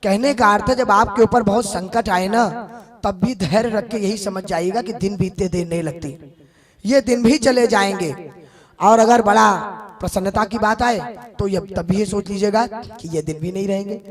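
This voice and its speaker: Male religious storyteller, very high voice, devotional sermon, slow chanted verses, direct address.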